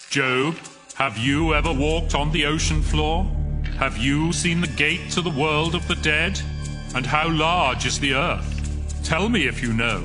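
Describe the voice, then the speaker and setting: A man's voice: mid-range voice, lightly acted. An actor playing a stern, almighty God in a dramatized audio Bible, solemn and commanding as he challenges a mortal. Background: music under the voice.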